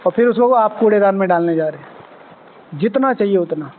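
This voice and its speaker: High-voiced man teaching a spiritual class. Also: expressive, a little fast. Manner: conversational, asks the audience, acts out little quoted scenes. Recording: tinny phone-like sound.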